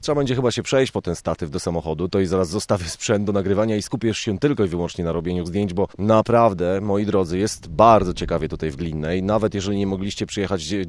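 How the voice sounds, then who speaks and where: Chatty male radio reporter, low voice. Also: darkish tone, dry recording. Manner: chatty, friendly, addresses listeners. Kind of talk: outdoor radio field report. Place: outdoors in a park in autumn rain.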